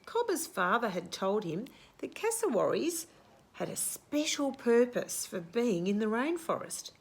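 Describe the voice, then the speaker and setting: A woman hosts a children's storytime, reading a picture book aloud and explaining it simply with asides and questions for young listeners. Her voice is on the high side with big pitch swings, a little slow, and has vocal fry.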